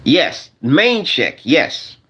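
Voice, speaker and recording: Extremely slow and sing-song, this man's voice sits on the high side, with a fairly bright tone and a breathy edge. The 40s vlogger wanders through a casual monologue to his viewers, full of slang, repeated and restarted phrases, and talk directed at y'all.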